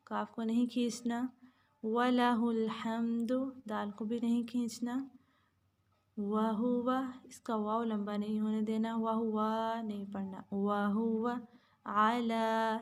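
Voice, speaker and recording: A woman teaching tajweed, reciting each phrase slowly and repeating it, then explaining the rules more quickly and quietly. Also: a little high, little pitch movement.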